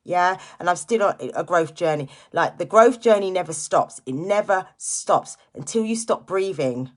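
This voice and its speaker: This live-stream host, a direct seller in her late forties, gives a motivational talk in a casual, direct style, repeating key phrases for emphasis. Her fairly low voice is expressive and moderately paced.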